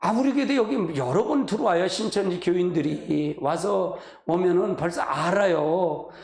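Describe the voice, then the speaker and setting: A man's voice: high voice, normal speed, creaky, a little mellow. A man preaching a sermon as pastor, talking in a colloquial, emotional way with sighing exclamations, in a church sanctuary. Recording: echoey church hall.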